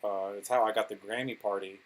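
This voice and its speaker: A man's voice: on the low side, fairly even intonation, brisk, rough recording. A man talking casually as a podcast guest, a DJ and producer who rambles through stories and swears freely. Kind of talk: casual interview chat.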